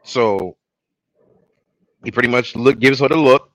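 A man's voice: medium pitch, a little slow, no echo, rough recording. Man animatedly retelling a show. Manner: animated retelling with acted-out quotes. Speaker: podcast co-host. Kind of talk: casual chat recapping a show.

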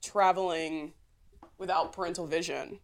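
A woman co-hosting a podcast in casual chat, telling an excitable, rambling story. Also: on the low side, unhurried. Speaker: podcast co-host.

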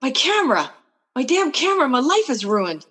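A woman reading aloud, voicing a haggard, excitable male photographer who splutters dramatically. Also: high-pitched, normal speed, slightly rough, pitched above the performer's own voice, exaggerated voice. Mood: panicked.

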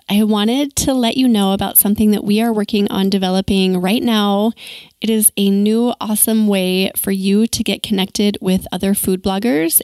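A woman's voice: mid-range voice, a little mellow, no echo. A woman hosting a podcast, upbeat and enthusiastic, reading ads and interviewing a guest. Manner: upbeat, enthusiastic, slows down for web addresses. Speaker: podcast host.

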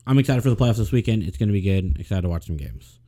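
A man's voice: fairly low pitch, animated, fast talker, warm tone. A laid-back man, co-hosting a casual podcast chat, swearing often and using lots of fillers. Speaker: podcast co-host.

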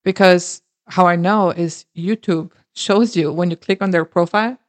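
A woman co-hosting a casual chat podcast from Germany, chatty and quick to laugh. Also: lowish voice, no echo. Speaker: podcast co-host.

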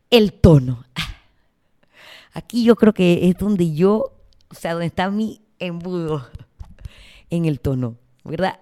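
A woman's voice: fairly low pitch, a little mellow, no room sound. Chatty woman podcaster, dry sound. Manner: chatty, slangy, acts out quoted arguments. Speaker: podcast host. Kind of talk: casual podcast monologue.

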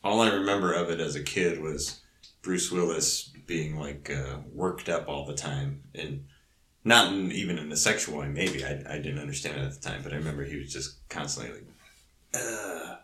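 A man in his thirties chatting casually as a podcast co-host in a relaxed, conversational way. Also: rumbling low, moderate pace. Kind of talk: casual chat. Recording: echoey room mic.

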